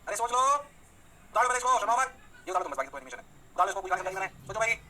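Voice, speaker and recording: A man teaches physics in a rapid-fire lecture, his voice sharp and pitched high. He keeps coaxing his students and answers for them in an energetic call and response. A faint hiss sits under his voice. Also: low-quality recording. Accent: Hindi. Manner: fast, rapid-fire explanations.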